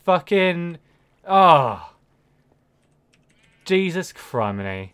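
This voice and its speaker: A man's voice: fairly high pitch, big pitch swings, extremely slow, fairly bright tone, smooth. A young man chatting casually as he plays a game, complaining in an exasperated, sweary way. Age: young adult. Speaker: gaming video co-host. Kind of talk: casual let's play chat.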